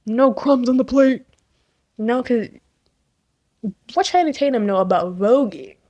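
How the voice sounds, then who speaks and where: A woman giving casual, gushing movie commentary, excitable and full of slang, laughing often. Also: on the high side, unhurried, dry recording, dull audio. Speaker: commentary host.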